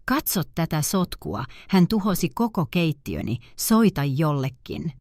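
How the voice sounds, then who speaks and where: A contemptuous daughter-in-law scolds in a low, plain voice, as a woman narrator reads her lines. The sound is dry and close, in a storybook telling with little change from the narrator's own voice. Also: sing-song, darkish tone, no echo. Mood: scornful. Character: scornful, bullying young daughter-in-law.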